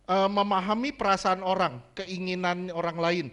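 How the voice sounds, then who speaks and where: A man delivering a sermon from the pulpit, jumping between teaching and jokes. His voice sits high and has a bright edge. He keeps things animated and playful. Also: normal speed. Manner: joking, animated preaching with laughter. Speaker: pastor.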